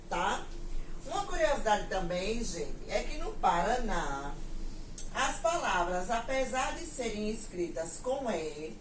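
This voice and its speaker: Pernambuco woman teaching a class, drags out words slow, echoey room, a bit far from the mic, faint hum behind. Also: a little high. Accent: Pernambuco Portuguese. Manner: slow, drawn-out dictation of words and sentences. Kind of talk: recorded classroom lesson.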